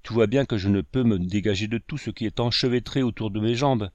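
A man reading aloud and voicing a sharp-tongued old grandmother who scolds in a shrill tone. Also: a little fast, no room sound, natural voice. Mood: exasperated.

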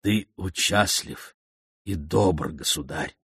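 Guy doing a weathered old messenger, bows and scrapes, low husky voice. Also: a bit bright, no echo, clean studio sound, exaggerated voice. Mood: deferential. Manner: deferential, slow and low. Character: old weather-beaten male royal messenger, humble.

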